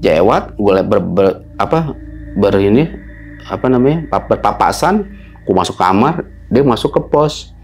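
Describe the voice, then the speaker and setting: A man, telling a story as a guest in a halting, repetitive way that sometimes sinks to a hushed whisper. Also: fairly low pitch, lively intonation, soft background music. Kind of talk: casual storytelling.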